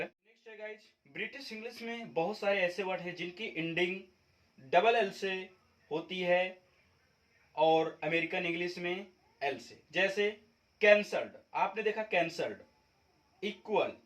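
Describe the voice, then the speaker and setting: With lively intonation and a measured pace, a man from India teaches spelling differences as an English teacher would in class, explaining each step, repeating points, and checking in with viewers often. His high-sitting voice has a fairly bright tone, though the audio is poor.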